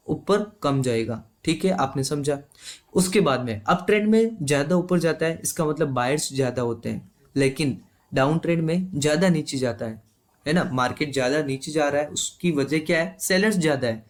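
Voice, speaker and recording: A man teaching a live online trading class. He explains step by step and keeps checking with his students. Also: on the high side.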